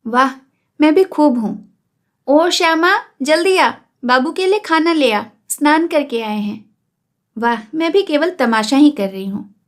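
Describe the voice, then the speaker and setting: Brief: a woman doing a high-voiced, sharp-tongued young woman for an audio story, mocking lilt. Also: animated, a little slow. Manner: mocking, lilting, raised pitch.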